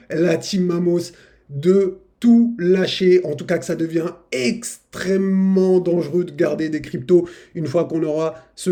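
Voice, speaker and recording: A man's voice: a little high, warm tone. A man, a crypto YouTuber giving a casual, hype-driven chart analysis and talking chummily to his viewers.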